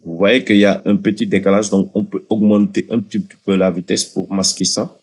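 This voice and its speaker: A man with a fairly low voice hosts a casual software tutorial. He talks the viewer through each step and often hesitates and restarts mid-sentence. He sounds like he is on a desktop mic. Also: flat delivery, brisk, husky. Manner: hesitant, many fillers and restarts, addresses viewers directly. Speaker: tutorial host. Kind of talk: casual screen-recording tutorial.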